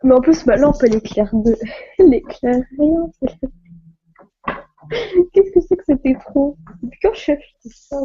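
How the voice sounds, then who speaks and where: A woman's voice: high-pitched, animated, normal speed, pauses often, mellow, no room sound, lo-fi sound. A woman from France hosting a casual live stream on her phone, laughing often and flustered by technical trouble.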